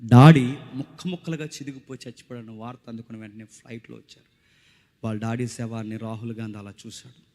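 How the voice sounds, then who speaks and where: Dramatic preacher with echoing voice. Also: male voice, medium pitch, steady tone, quick pace. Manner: dramatic, swings between loud preaching and hushed tones; repeats phrases for emphasis, asks the crowd questions. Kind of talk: village revival sermon. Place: outdoor village meeting stage.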